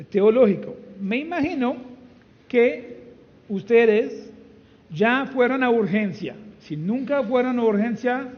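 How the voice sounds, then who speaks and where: A man, a pastor, giving a conversational sermon in a church hall, teaching with many rhetorical questions. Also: very high-pitched. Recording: dull, reverberant hall recording.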